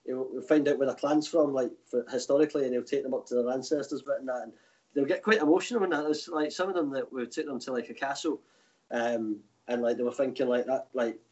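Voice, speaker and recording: A Scottish man chats casually in a broad Glasgow accent, rambling through anecdotes in everyday slang. His voice is medium in pitch, with a slightly muffled, lo-fi sound. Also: fairly even intonation, fast talker, darkish tone. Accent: broad Glaswegian Scottish. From Glasgow area, Scotland. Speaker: guest, tour operator. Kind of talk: casual chat.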